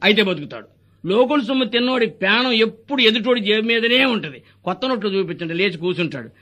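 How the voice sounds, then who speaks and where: An actor playing a scheming, greedy hospital doctor in a stage comedy, firing off rustic wisecracks. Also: male voice, high-pitched, animated, pushed and bright, exaggerated voice. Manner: rapid wisecracking, rustic dialect.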